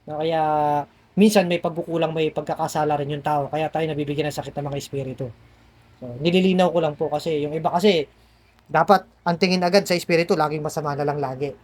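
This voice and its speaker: A man's voice: a little high, steady tone, fast talker, a little mellow. A man working as a spiritual healer, coaxing and reassuring his patients indoors and repeating himself as he explains. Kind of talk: explaining to patients during a healing session.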